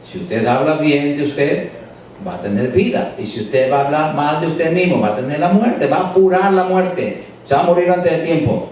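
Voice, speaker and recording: A male pastor delivers a sermon, building his points through emphatic repetition. His fairly high voice booms around a very reverberant church, captured from a distance. A faint hiss sits under it. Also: expressive, normal speed, darkish tone. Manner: preaching with rising emphatic repetition. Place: church sanctuary. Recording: echoey church hall picked up from a distance.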